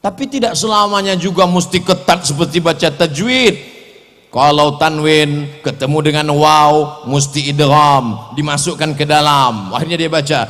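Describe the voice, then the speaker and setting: A man preaching a sermon in an animated, joking way, his voice jumping sharply in pitch and loudness. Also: moderate pace. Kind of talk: humorous sermon. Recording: long hall reverb.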